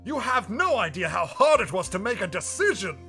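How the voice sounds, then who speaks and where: A man's voice: sits high, sing-song, brisk, sharp tone, faint music behind, exaggerated voice. A man voicing a flamboyant, vain stage magician from a video game in a theatrical, showy way. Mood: boastful. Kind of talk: video game voice-over read aloud.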